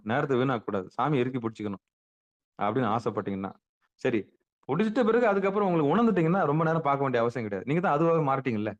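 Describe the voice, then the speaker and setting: A man giving a colloquial spiritual talk, asking rhetorical questions, answering them himself and repeating words for stress. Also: medium pitch. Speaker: spiritual teacher. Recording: dull lo-fi recording.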